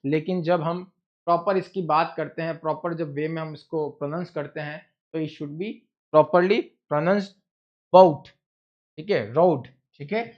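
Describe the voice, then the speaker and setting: A man's voice: on the high side, steady tone, measured pace. Lo-fi man teaching class. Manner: repeats words and asks the class questions. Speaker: English teacher. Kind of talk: classroom lecture.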